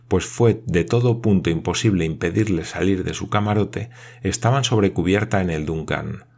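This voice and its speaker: A man narrating an audiobook in a steady, dramatic reading. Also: deep voice, vocal fry.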